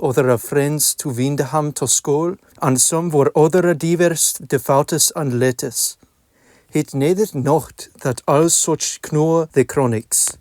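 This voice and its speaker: Man, slightly high voice, slow deliberate Middle English reading, archaic pronunciation, dry close sound. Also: a little mellow, no room sound.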